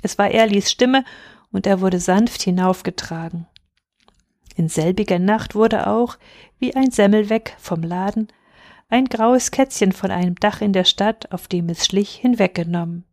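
A woman reading a fairy tale aloud in a calm, measured storytelling manner. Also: medium pitch, no echo, clean studio sound.

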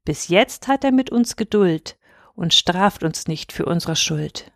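A woman's voice: on the low side, animated, a little slow, gravelly, no echo, clean studio sound. Ruben, a woman reading as an old shepherd. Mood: stern. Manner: stern, admonishing rhyming verse. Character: poor old male shepherd, grumbling and god-fearing.

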